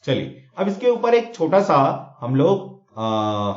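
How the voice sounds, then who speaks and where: A man's voice: on the high side, big pitch swings, slow pace. A man teaching vocabulary in a mix of Hindi and English, repeating words and checking in with students. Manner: explains with mnemonics, repeats words, frequent "theek hai na?" checks. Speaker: exam coaching teacher. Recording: echoey room, dull lo-fi sound.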